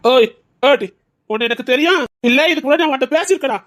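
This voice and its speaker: A woman's voice: high-pitched, animated, fast talker, a bit bright. A woman voicing a hot-tempered young village man, scolding and bossy. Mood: threatening.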